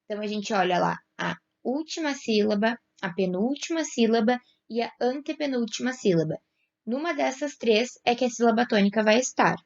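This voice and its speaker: Brazilian lady teacher going slow thru the words, dull lo-fi sound. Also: on the high side, animated, gravelly. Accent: Brazilian Portuguese. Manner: patient, slow, stretches example words syllable by syllable. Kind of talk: classroom explanation.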